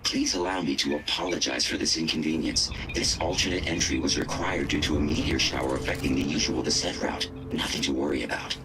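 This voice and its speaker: A man's voice: rumbling low, brisk, hardly any pauses, noisy background. An actor playing a polite, overly apologetic male butler robot who serves guests at a resort, speaking in a formal, courteous manner. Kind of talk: video game dialogue. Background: game music.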